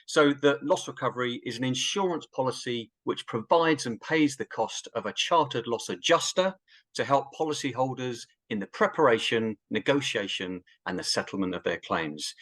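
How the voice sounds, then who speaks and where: A man walks through a product on a business webinar, upbeat and emphatic, now and then slipping in a joke. His voice sits at an everyday middle pitch. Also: animated, moderate pace, hardly any pauses, a bit bright. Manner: upbeat, emphatic, sometimes jokey. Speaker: insurance relationship director presenting a webinar. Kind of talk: presenting a sales webinar.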